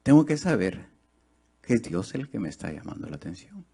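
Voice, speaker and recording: Spanish-speaking preacher, loud then hushed. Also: male voice, sing-song, gravelly, slightly rough. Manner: swings from loud, high, fast exhortation to low, slow, quiet confiding; asks the congregation rhetorical questions. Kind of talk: sermon. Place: church.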